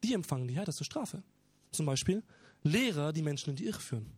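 Brief: earnest male preacher, high voice, dry close sound, explaining scripture with emphasis. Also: sing-song, fairly quick, a little mellow, breathy edge, no echo. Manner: earnest, emphatic, retelling parables. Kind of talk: sermon.

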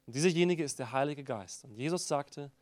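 A man preaching a sermon to a congregation, rising to loud, emphatic peaks and dropping to hushed phrase endings. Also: on the high side, fairly quick, no room sound. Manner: addresses the congregation directly.

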